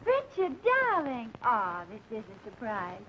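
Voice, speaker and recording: An actress playing a possessive young fiancée with sweetly cutting remarks in 1940s screwball comedy film banter. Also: female voice, on the high side, expressive, normal speed, natural voice. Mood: sweetly insistent. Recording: muffled, noisy 1940s film soundtrack.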